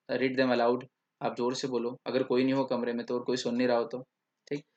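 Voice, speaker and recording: A male teacher giving a recorded lecture. He explains things and switches between Hindi and English mid-sentence. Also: medium pitch.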